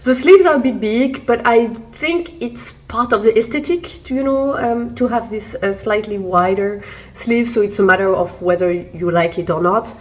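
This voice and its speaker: Mid-range in pitch and moderate in pace, a woman vlogger talks through a casual try-on haul while recovering from a cold. Her delivery is chatty and packed with fillers and false starts, captured on a camera mic as she sits.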